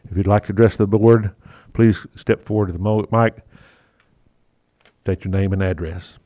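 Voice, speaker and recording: A man chairing a city council meeting as mayor, his voice muffled through a face mask, talking haltingly with fillers and the odd joke. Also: fairly low pitch, steady tone, dry recording. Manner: halting, with fillers and restarts, lightly joking.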